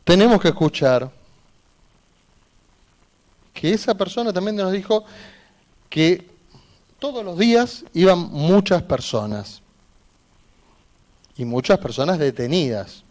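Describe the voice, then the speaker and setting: A man's voice: high-pitched, animated, takes it slowly, pauses often, darkish tone. A man, a defense lawyer giving an emphatic, argumentative closing argument in a courtroom, repeating points for emphasis.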